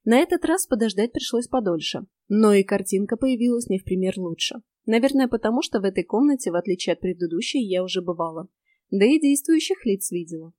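A woman's voice: mid-range voice, a little fast, dry recording, studio quality. Wry woman narrating an audiobook. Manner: lively, wry first-person telling.

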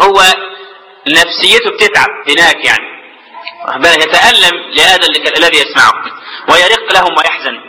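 A quick-talking Egyptian sheikh delivers a religious lecture in a high, sharply bright voice. He breaks into colloquial asides and repeats words while searching for them. A long reverb trails his voice through the hall. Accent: Egyptian Arabic. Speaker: sheikh teaching jurisprudence.

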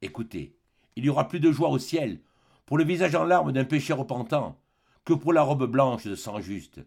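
A man reading the part of a gentle, kindly old bishop in an audiobook, speaking softly and consolingly. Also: mid-range voice, expressive, normal speed, vocal fry, slightly rough. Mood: earnest. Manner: soft, warm, consoling.

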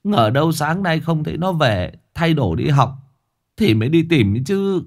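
A man's voice: fairly high pitch, very animated, a little slow, pitched above the performer's own voice. A man doing a distraught young village father. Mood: pleading. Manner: pleading, voice rising.

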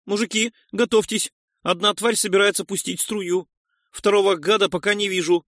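A man voicing a panicky young arena fighter yelling warnings. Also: sits high, steady tone, normal speed, no room sound, clean studio sound, pitched above the performer's own voice. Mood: alarmed shouting. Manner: shouting, alarmed. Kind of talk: audiobook reading.

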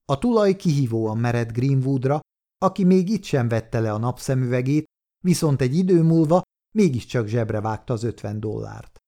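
A man reads a short story aloud in scripted narration. His voice is dark and mellow, at an ordinary male pitch. He keeps a steady, measured pace. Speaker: audiobook reader.

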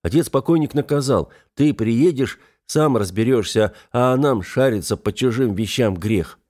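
A man voicing a gruff older village blacksmith who talks stern but honest, in an audiobook. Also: medium pitch, expressive, a little slow, darkish tone. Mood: grumbling. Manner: gruff, grumbling. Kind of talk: audiobook character voice.

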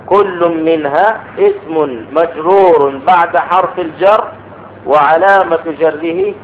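A man's voice: fairly high pitch, slow. A man teaching an Arabic grammar lesson, explaining step by step and asking the class questions. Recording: tinny phone-like recording with faint noise.

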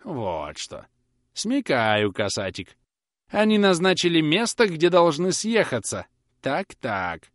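A man's voice: on the high side, huge pitch swings, slow, no room sound, clean studio sound, pitched above the performer's own voice, exaggerated voice. A man voicing a grasping, sly old woman who coaxes and snaps as she pries for secrets, in a storybook reading. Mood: prying. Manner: wheedling, coaxing, then snapping. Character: grasping sly old crone, prying and fierce.

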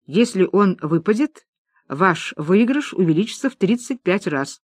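A smooth, courteous male croupier calling out bets in a formal, practiced manner, as the narrator of an audiobook puts him on. The voice sits at an ordinary middle pitch and sounds close and dry, with no room around it. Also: animated, unhurried, dry recording. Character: polite trained male casino croupier.

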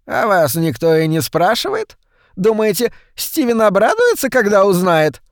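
A man voicing a grotesque, spider-like old woman who screeches and demands in a high, shrill voice. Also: wildly swooping pitch, normal speed, no room sound, studio quality, full character voice. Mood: scornful.

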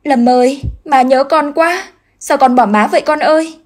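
A woman's voice: sits high, fairly quick, voice pushed up. A woman voicing a grieving mother crying out to her dead son's spirit. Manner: loud, sobbing and pleading.

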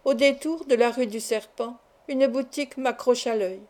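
A woman reading a classic short story aloud as an audiobook, in a measured storytelling manner. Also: fairly high pitch, a little mellow. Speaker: audiobook reader.

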